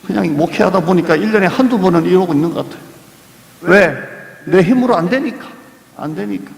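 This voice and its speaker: A man's voice: high-pitched, lively intonation, fairly quick, vocal fry. A man preaching a sermon as pastor, emphatic, repeating key phrases and asking the congregation questions. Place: church sanctuary. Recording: echoey church hall with long reverb.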